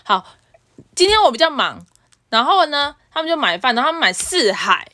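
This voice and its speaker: A young woman, co-hosting a casual podcast and telling stories in an animated way. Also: high-pitched. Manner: fast, animated storytelling. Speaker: podcast co-host. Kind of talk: casual chat.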